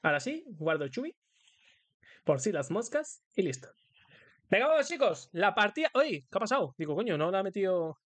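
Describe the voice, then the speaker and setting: A man's voice: sits high, big pitch swings, a little fast, a bit bright, dry recording. A man with a Spain Spanish accent giving playful, singsong, crude live commentary as a streamer while he plays a game.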